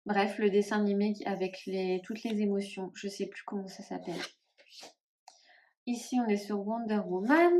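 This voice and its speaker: A woman's voice: mid-range voice, moderate pace, a little mellow, a little hiss or hum. Hesitant woman musing over tarot cards. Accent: northern French (Ch'ti). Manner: hesitant, musing, many fillers and trailing off. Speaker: tarot vlogger. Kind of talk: casual chat to camera.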